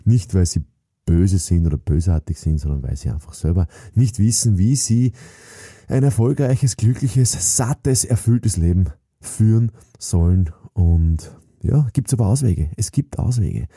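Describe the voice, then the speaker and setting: A man's voice: low voice, lively intonation, unhurried, warm tone, husky, no echo, clean studio sound. A middle-aged man, giving an emphatic, preachy motivational podcast monologue with many fillers and restarts. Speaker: sales trainer and podcast host.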